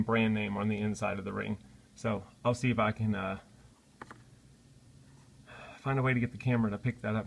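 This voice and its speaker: A man's voice: on the low side, vocal fry. A man presenting a casual unboxing vlog, talking in a friendly, apologetic way with frequent "uh" fillers. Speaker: product reviewer.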